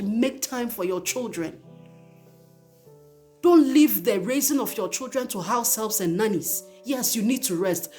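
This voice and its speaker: A woman's voice: fairly high pitch, a little mellow. Woman host, earnest pleading exhortation, faint music underneath. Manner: earnest, pleading, emphatic repetition. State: emotional. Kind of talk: spoken exhortation to parents.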